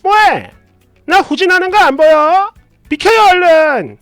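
A narrator voicing a brazen, pushy middle-aged woman driver who shouts her demands. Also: extremely high pitch, very animated, unhurried, no echo, soft background music, pitched above the performer's own voice, exaggerated voice. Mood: bossy shouting. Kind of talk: acted quote in a narrated story.

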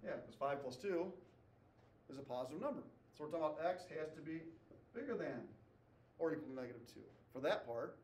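A man's voice: fairly high pitch, lively intonation, brisk, a little mellow, distant mic, a little hiss or hum. Man teaching math in an echoey classroom. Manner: calls out questions and repeats answers, tags "okay?". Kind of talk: classroom lecture with questions to students.

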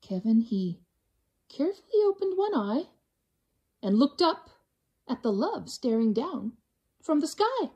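A woman reading a rhyming storybook aloud to children in an expressive, theatrical, drawn-out way. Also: high voice, husky.

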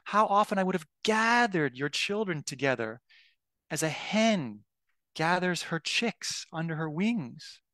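A man's voice: fairly high pitch, lively intonation, measured pace, pushed and bright, dry recording, pitched above the performer's own voice. A man voicing a grieving figure who pleads with and reproaches a doomed city.

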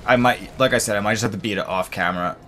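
A man's voice: on the low side, very fast, bright, forceful tone, slight background noise. A young man narrating his own gameplay, venting and exasperated, rambling with lots of filler words. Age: young adult. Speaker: gaming channel host. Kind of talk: let's play commentary.

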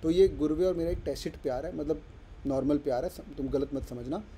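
A man's voice: a little high, a little fast, warm tone, slight background noise. A man teaching vocabulary in an online class, playful and teasing, switching between explanation and little skits of his students.

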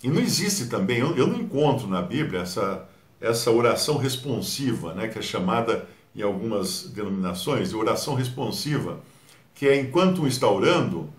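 A man with a Brazilian Portuguese accent giving a Bible study, animated and mockingly mimicking others. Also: on the low side, fairly quick, echoey room. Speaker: Bible teacher.

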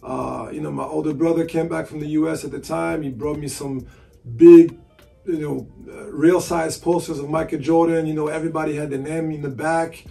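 Forties man, low gravelly tone, casual filler-laden talk, recorded from a distance in a room with soft music underneath. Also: fairly even intonation, moderate pace. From France. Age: 40s. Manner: casual, many fillers like "you know". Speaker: sports agent and basketball analyst. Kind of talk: relaxed interview answers. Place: hotel room by a window.

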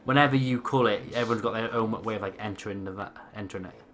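Young Welsh man, quick excited gaming banter, light background noise. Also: lowish voice. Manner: excited, teasing, narrating his play. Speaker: gaming host. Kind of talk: casual gameplay banter. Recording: noisy room on one desk mic.

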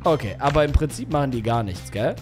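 A young man doing let's play commentary, teasing and excitable as he plays. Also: medium pitch, fast talker, loud music behind the voice. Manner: excitable, teasing, shrieks and laughs at his game. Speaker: gaming YouTuber.

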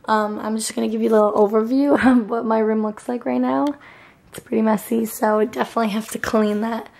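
A young adult woman with a nearly lost, raspy whispery voice and dry throat, chatting casually to a handheld camera in a bedroom. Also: a little high, steady tone, a little fast, a little mellow. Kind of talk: casual vlog chat. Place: bedroom, indoors. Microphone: handheld camera at arm's length.

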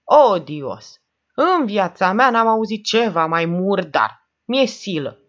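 A woman's voice: sits low, lively intonation. A woman voicing a shaken man who speaks with vehement, bitter disgust, in a dull lo-fi recording.

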